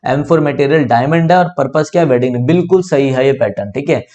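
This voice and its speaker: A young man with an Indian accent teaches an English grammar lesson online, walking through it step by step and posing questions he then answers himself. His voice is medium-pitched and dark, moving a little fast.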